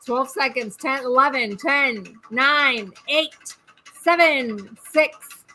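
A woman co-hosting a casual live-stream auction, unhurried, counting items aloud and laughing often. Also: high voice, pushed and bright, a little hiss or hum, rough recording. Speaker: co-host showing and counting items.

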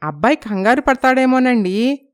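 A woman's voice: on the high side, animated, moderate pace, voice pushed up, natural voice. A woman voicing a caring, anxious middle-aged mother in a storybook. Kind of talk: storybook narration.

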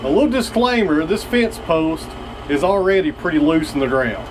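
A man with a fairly high voice narrates his farm work in a chatty, folksy way, talking straight to his viewers. He is recorded outdoors on a camera mic, with loud tractor and engine noise behind him. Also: sing-song, normal speed. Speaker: channel host. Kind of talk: casual vlog narration while working.

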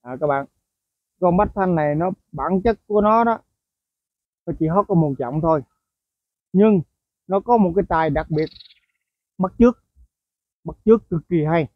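A man's voice: high-pitched, moderate pace, pauses often, no room sound. A man chatting casually to viewers about songbirds, with frequent fillers and asides. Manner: chatty, addresses viewers often, many fillers. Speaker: bird-keeping video host. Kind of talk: casual explanatory vlog narration. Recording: tinny phone-like dry sound.

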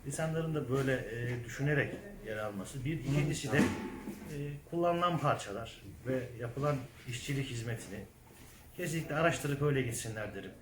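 A man's voice: mid-range voice, animated, very noisy. Businesslike man in an echoey workshop. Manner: measured, businesslike. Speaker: service co-owner and accountant. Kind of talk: interview answers. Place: car repair workshop.

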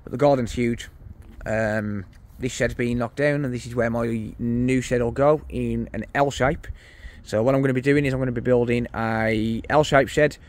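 A middle-aged electronics repair YouTuber with a West Midlands English accent speaks at medium pitch and normal speed, with fairly even intonation and a darkish tone. Carrying his phone camera through a house mid-renovation and its garden, he chats in a rambling, self-correcting way packed with fillers for a casual walkthrough vlog.

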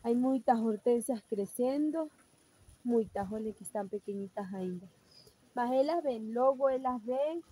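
A young woman with a high, bright-sounding pitch talks to her viewers in an unhurried, easygoing way. She narrates a casual home vlog, explaining things step by step as she films on her phone. Her tone is chatty and direct, as if showing friends around. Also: breathy edge, low-quality recording. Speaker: vlogger. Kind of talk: casual show-and-tell narration. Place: rural mountain home, garden and kitchen. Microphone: phone camera held by speaker.

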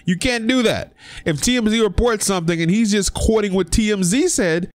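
A man's voice: high voice, brisk, no room sound. A young man talking casually on his own vlog, giving his opinion with emphatic rhetorical questions. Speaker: sports commentary vlogger. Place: indoor room.

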